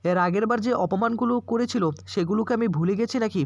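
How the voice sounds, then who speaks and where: A woman's voice: mid-range voice, fast talker, a little mellow, dry recording, muffled recording, close to an everyday voice. A man voicing a resentful aunt who holds on to old grudges, in a told-story recap. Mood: bitter. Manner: complaining, bitter questions.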